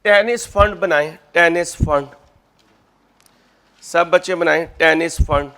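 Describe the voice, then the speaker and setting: A male accounting lecturer with a fairly high voice. He talks in a chatty, teasing way, slipping from funny personal stories into working through examples with his students. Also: takes it slowly, pushed and bright. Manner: chatty, joking, addresses students as kids. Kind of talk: classroom lecture with personal anecdotes.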